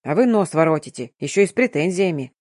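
A woman's voice: on the low side, expressive, fast talker, a little mellow, no echo, studio quality. A woman reading the lines of a stern, domineering and sly male curator in an audiobook, with a curt, commanding manner. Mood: stern, mocking. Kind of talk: audiobook narration.

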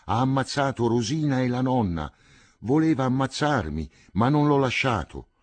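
A man's voice: lowish voice, big pitch swings, moderate pace, husky, no room sound, voice pushed up, full character voice. A man voicing a terrified young boy who blurts out his words breathlessly. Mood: panicked. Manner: breathless, frantic repetition.

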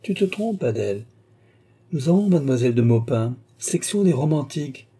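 A man's voice: medium pitch, expressive, normal speed, dark tone, slightly rough. A man voicing a fawning, eager male bookseller who pushes his wares with effusive patter, in a narrated story. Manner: pushy, effusive salesman patter.

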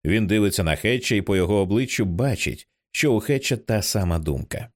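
A man narrating an audiobook in an expressive reading style, changing his voice for the characters. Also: on the low side, fairly quick. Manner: expressive, acts out many characters. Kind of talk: scripted narration.

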